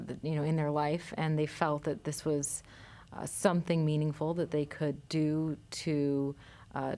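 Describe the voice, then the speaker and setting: A woman filmmaker appears as a guest in a studio interview, describing her work in a measured way with many pauses and ums. Her voice is low-pitched with a dark tone.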